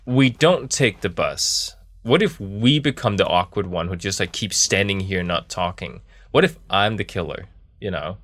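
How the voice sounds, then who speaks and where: A man's voice: lowish voice, fairly bright tone, dry recording. A man giving casual, joking game commentary, thinking aloud in a laid-back, rambling way as he streams. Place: small office in a camper.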